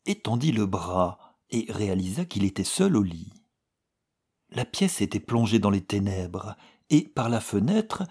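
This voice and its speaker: A man reads a story aloud in an audiobook, grave and measured. His voice is low and husky, and he takes his time over every line. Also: dark tone. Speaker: narrator. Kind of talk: audiobook reading.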